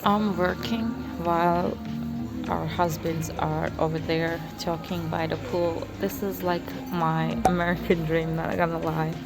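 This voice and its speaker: A woman vlogger chatting casually to the camera at a motel-style lodging by a pool, relaxed and talkative. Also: fairly low pitch, unhurried, loud music behind the voice. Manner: relaxed, chatty, laughing asides. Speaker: travel vlogger. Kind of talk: casual vlog chat to camera.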